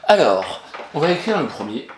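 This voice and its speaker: A man's voice: mid-range voice, sing-song, moderate pace, slight background noise. Echoey encouraging French schoolteacher man. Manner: encouraging, patient, questions and praises pupils. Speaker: primary school teacher. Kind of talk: remote spelling lesson for young children.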